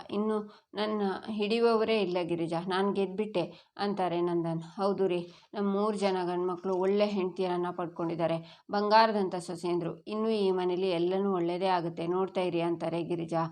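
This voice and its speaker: A woman's voice: mid-range voice, darkish tone. A woman, retelling a TV serial episode and reading every character's lines in her own plain voice. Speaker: narrator.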